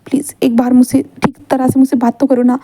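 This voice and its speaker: A woman's voice: sits high, little pitch movement, fast talker, warm tone, no echo. Woman voicing an insistent male teacher. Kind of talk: fan story read-aloud.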